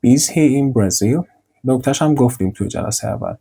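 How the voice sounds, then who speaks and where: A young male teacher with a husky, mellow voice walks learners through English drills. He says each model sentence slowly and deliberately, then repeats it. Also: medium pitch, lively intonation. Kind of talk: grammar lesson with slides.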